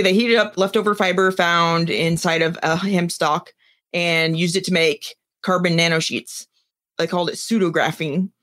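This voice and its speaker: A woman co-hosting a podcast explains a news story in an informal, chatty way during casual conversation. Her voice is on the low side with a fairly bright tone.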